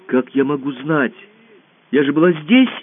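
A man's voice: a little high, lively intonation, a little slow, voice pushed up. Man doing earnest young girl, bold, questioning, raised voice, lo-fi phone-like radio. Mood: puzzled. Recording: tinny phone-like radio audio.

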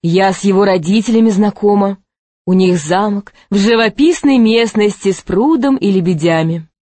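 A woman's voice: medium pitch, normal speed, warm tone, no room sound, natural voice. A woman voicing a haughty stepmother queen who argues insistently in a storybook reading. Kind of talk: audiobook character voice.

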